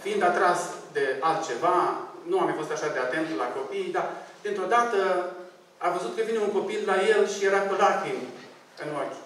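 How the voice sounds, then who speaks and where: A man's voice: high voice, fairly bright tone, far from the mic, slight background noise. A man with a Romanian accent preaching a sermon in church, telling stories and pleading earnestly with the congregation. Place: church hall. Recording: very echoey church from afar, faint ambience.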